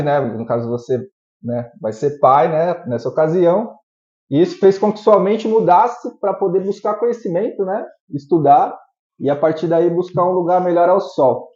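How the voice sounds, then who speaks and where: A fairly high-voiced man hosts a casual interview, eager and leaning on little fillers as he talks. His tone is dark and mellow. The sound is muffled and echoes around a bare room. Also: normal speed. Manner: enthusiastic, uses many fillers like "né" and "aí". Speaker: host.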